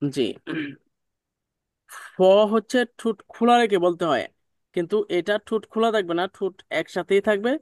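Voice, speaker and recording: A man's voice: sits high, lively intonation, a little fast, no echo, clean studio sound. A man teaching an online pronunciation class, patient, repeating sounds and checking that students follow. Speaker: English teacher.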